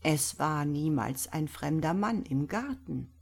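A gentle little priest murmurs his answers with calm patience, read by a woman. The voice sits low and soft, never rising to argue. It has the unhurried musing tone of a storybook sleuth. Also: creaky, slightly rough, full character voice. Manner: quiet, mild, musing. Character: calm, thoughtful small old male priest.

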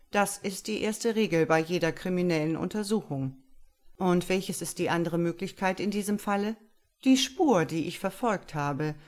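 A brisk, confident master detective, read aloud by a woman lays out his reasoning in a lively, raised voice. It sits low for a woman and comes across as storybook narration. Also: natural voice.

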